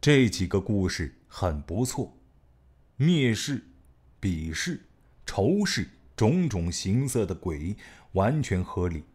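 A man reading an audiobook in an expressive storytelling manner. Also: fairly low pitch, slow pace, husky. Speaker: audiobook narrator. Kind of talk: scripted audiobook narration.

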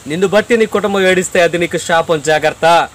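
Earnest preacher man, high voice. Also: fast talker. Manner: earnest, repeats phrases for emphasis, addresses listener directly.

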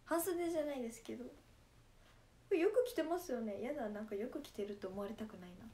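Fast and animated, this young woman's fairly high, mellow voice carries her casual livestream, where she jokes with viewers in Nagasaki dialect and laughs a lot. She's an idol streamer from Nagasaki, Japan.

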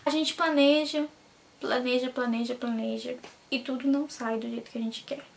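A woman's voice: high-pitched, moderate pace, vocal fry. A young woman venting at home in a vlog, stressed and tearful, swearing and exclaiming. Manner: upset, swearing, expressive outbursts. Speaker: vlogger. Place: at home, indoors.

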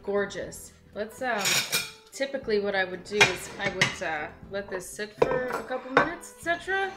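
A woman's voice: medium pitch, expressive, moderate pace. Chatty woman cooking in an echoey kitchen. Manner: chatty, upbeat, talks while working with her hands. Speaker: web cooking show host. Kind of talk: casual cooking demonstration. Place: large home kitchen, indoors. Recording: echoey kitchen with light background music.

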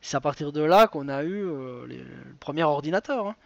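Chatty high-voiced quiz host man. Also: lively intonation, moderate pace, vocal fry, no room sound, dull audio. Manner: chatty, digressive, many fillers. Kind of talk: live web quiz hosting.

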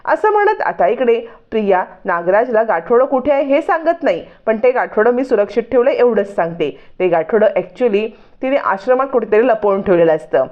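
A woman with a fairly high voice runs through a serial episode as a casual recap, slipping in the characters' lines as she goes. The recording sounds dull and lo-fi. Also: sing-song. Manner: retells scenes quickly, voicing each character's lines.

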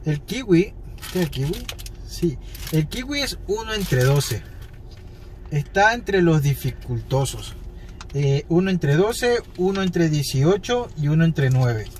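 A toy collector vlogger in his thirties unboxes toys in a parked car at night, chatting casually and upbeat while talking straight to viewers. His voice is a little high with lively intonation, a slow pace, and a darkish tone, with slight background noise.

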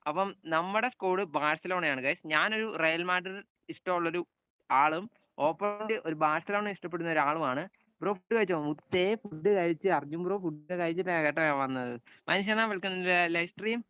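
A man's voice: sits high, moderate pace, bright, forceful tone, clear, resonant tone, no echo, dull audio. A young man with a Malayali accent streaming a football video game live, calling out plays and greeting viewers by name. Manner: chatty, calls out passes and greets viewers by name.

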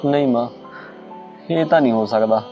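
A man's voice: medium pitch, normal speed, close to an everyday voice. A man acts out a dutiful son caught between his mother and his wife in a village drama, talking earnestly and pleading. His voice sounds dull and a little muffled, with faint music underneath. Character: torn, dutiful son and husband.

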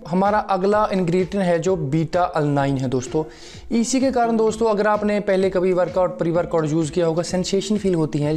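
A man's voice: sits high, warm tone. A young man reviewing a fitness supplement to camera from his living room, explaining in a friendly way and often calling out to viewers as friends. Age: young adult. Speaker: fitness vlogger. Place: living room at home, seated on sofa. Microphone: lapel mic.

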